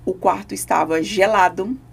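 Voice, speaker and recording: A woman with a gravelly, slightly husky voice. She tells her faith testimony as a podcast guest, earnest and emotional, speaking in a mid-range pitch. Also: fairly even intonation, moderate pace, faint music behind. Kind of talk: personal testimony in conversation.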